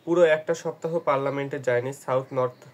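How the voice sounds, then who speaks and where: A man narrating a novel in a measured storytelling manner, sometimes restarting a phrase. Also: medium pitch, fairly even intonation. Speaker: audiobook narrator. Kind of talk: reading a novel aloud.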